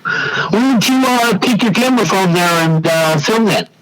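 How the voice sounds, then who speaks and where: A man's voice: sits high, animated, normal speed, heavy background noise. A man who works as a real estate broker, chatting casually on a talk show in a matter-of-fact, easygoing way with frequent ums and uhs. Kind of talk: casual chat.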